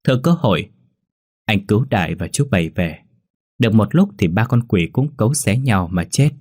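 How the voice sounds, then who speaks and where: A man narrating a ghost story in a steady storytelling way. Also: lowish voice, moderate pace, husky, dry recording, studio quality. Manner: steady storytelling, voicing all figures.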